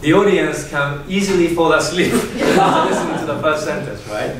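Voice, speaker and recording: Here a man speaks at normal speed with a fairly high pitch, teaching a speech class where he asks questions and laughs a lot. The distant mic catches classroom echo and noise.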